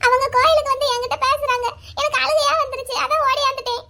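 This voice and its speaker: A shy tearful cartoon heroine. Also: female voice, extremely high pitch, fairly even intonation, quick pace. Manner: soft, hesitant, reluctant answers. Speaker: heroine of a cartoon love story. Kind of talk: cartoon voice acting.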